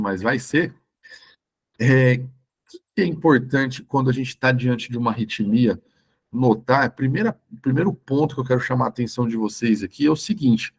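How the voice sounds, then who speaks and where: A hoarse doctor with a Brazilian Portuguese accent gives a live online lecture, his voice gravelly and rough around the edges. He talks informally and keeps checking in with his listeners. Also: medium pitch. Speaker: doctor teaching a course.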